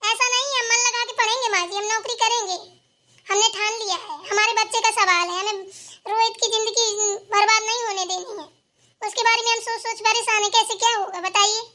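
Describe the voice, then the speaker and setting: A woman's voice: very high-pitched, steady tone, brisk, pushed and bright. A woman voicing a defiant young daughter-in-law in a cartoon, assertive and determined to study. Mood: pleading. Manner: pleading then defiant, assertive. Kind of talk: cartoon voice acting.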